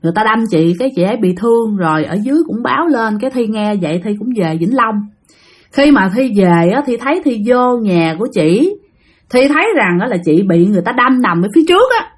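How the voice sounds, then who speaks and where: Husky-voiced woman telling stories. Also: on the high side. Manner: chatty, speaks straight to listeners. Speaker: storyteller. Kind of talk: casual spoken ghost story.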